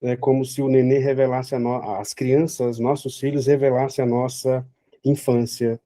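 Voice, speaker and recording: Brazilian guy teaching a church family class, calm and reassuring, dark mellow voice, keeps checking in w listeners. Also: mid-range voice, normal speed. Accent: Brazilian Portuguese. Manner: calm, reassuring, explains terms and checks in with "tá bom?". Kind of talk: teaching talk answering a participant.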